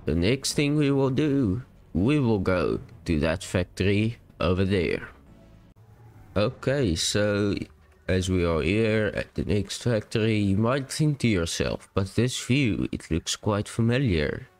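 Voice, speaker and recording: Slow, low-voiced gaming man. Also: faint music behind. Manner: relaxed, unsure, rambling with self-corrections. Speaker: gaming YouTuber. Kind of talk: casual game world tour.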